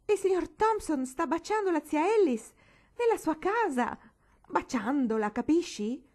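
A woman voicing a small, anxious, emotional girl in a storybook reading, speaking high and excited with tearful outbursts. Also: normal speed, vocal fry, breathy edge. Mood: agitated.

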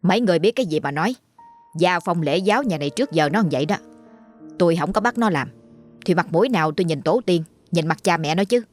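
A woman's voice: lowish voice, lively intonation, fast talker, soft background music. A woman voicing a cruel middle-aged aunt who scolds a child spitefully. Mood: scolding.

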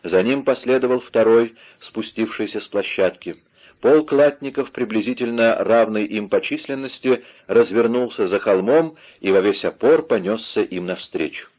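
A man narrating an adventure novel aloud in a dramatic, lively reading style, on a slightly dull recording. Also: on the low side, moderate pace. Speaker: audiobook narrator. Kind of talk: scripted narration.

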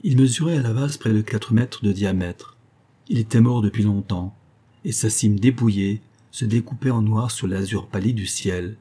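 A man narrating a novel in a steady, measured reading. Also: fairly low pitch, slightly rough. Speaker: audiobook reader.

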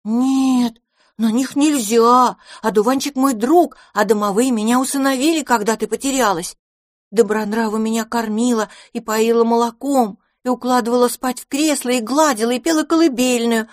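A woman voicing a cheerful, eager little boy kitten in a storybook, squealing with excitement. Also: a little high, moderate pace, no room sound, studio quality, pitched above the performer's own voice, lightly acted.

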